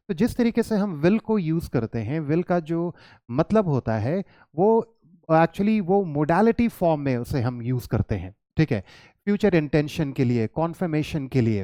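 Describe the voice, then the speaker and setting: An English teacher gives a classroom grammar lesson, mixing Hindi and English, reading English sentences slowly and asking and answering his own questions. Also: a little high, dark tone, dry recording, studio quality. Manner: mixes Hindi and English, reads English lines slowly; addresses students as children, asks and answers his own questions.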